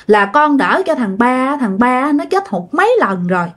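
Brief: woman doing a devoted young male ghost, Southern Vietnamese, raised-pitch plea, storybook telling. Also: big pitch swings, moderate pace, fairly bright tone, exaggerated voice. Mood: stubborn. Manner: earnest, repetitive pleading.

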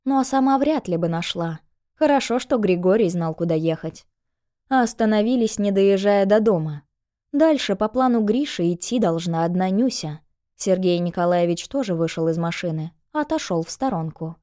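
A woman narrating an audiobook in a calm, even storytelling voice. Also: mid-range voice, moderate pace.

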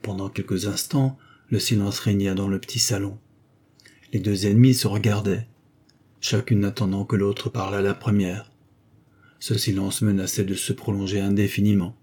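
A man narrating an old novel in a measured, literary reading style. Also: fairly low pitch, flat delivery, a little mellow, breathy edge. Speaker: audiobook reader. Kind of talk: scripted narration of a 19th-century novel.

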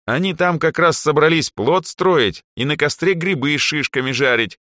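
A man voicing a cheerful, pushy teenage drow girl for a storybook reading, in a bright, bouncy and teasing voice. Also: a little high, normal speed, no echo, clean studio sound, pitched above the performer's own voice.

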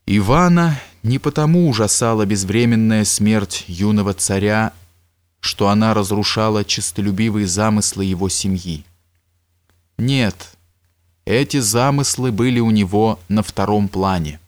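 A man reading an audiobook in a measured, solemn narration. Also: on the low side, no room sound. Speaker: audiobook reader. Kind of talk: scripted narration.

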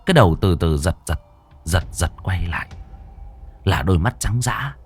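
A man narrating a horror story in a dramatic, expressive storytelling manner. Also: deep voice, normal speed, breathy edge, soft background music.

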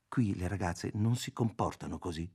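A male reader voicing a stern young man who speaks quietly and firmly. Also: low-pitched, normal speed, slightly rough, full character voice. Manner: quiet, firm, dismissive.

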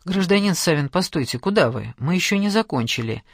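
A man's voice: high voice, expressive, brisk, gravelly, no room sound, full character voice. A male reader doing a composed female police major who lays out facts firmly. She speaks in a clipped, official manner, a touch raised. The recording is dry and close. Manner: firm, official.

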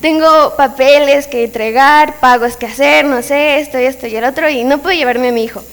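Young Mexican woman preacher, high voice, playful acted-out storytelling, long church-hall reverb. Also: brisk. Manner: playful, animated storytelling, acting out voices and laughing.

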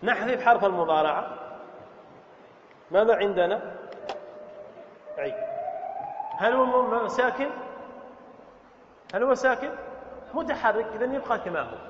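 A man's voice: high voice, expressive, unhurried, pauses often, a little hiss or hum. A man teaching an Arabic grammar lesson as a sheikh, explaining step by step and quizzing his students with questions. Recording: echoey hall, dull lo-fi sound.

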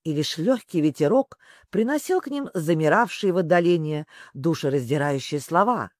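A storyteller reading a children's story aloud in an expressive way. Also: mid-range voice, moderate pace, dry recording, studio quality. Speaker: narrator. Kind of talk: audiobook story narration.

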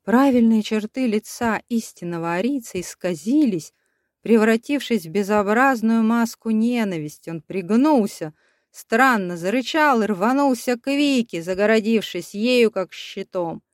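A woman narrating an audiobook in a steady, expressive reading voice. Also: a little high, unhurried, no room sound, studio quality.

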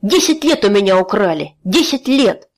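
A woman's voice: medium pitch, big pitch swings, moderate pace. A woman voicing an enraged young man whose memory was stolen, crying out in indignant outbursts. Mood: furious.

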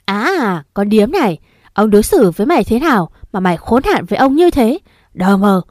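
A woman's voice: mid-range voice, very animated, moderate pace, a little mellow, dry recording, clean studio sound, lightly acted. A woman voicing a drunk, abusive old husband who snarls vulgar threats in a storybook narration. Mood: furious.

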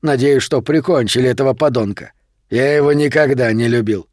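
A man reading an audiobook, voicing a brutal male vampire thug with slow, loud, jeering threats. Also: medium pitch, dry recording, studio quality, lightly acted. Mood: menacing.

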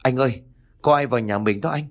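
A man voicing a worried middle-aged mother in an audio story, calling out and anxious, a bit higher than his own voice. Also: fast, close to an everyday voice. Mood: frightened.

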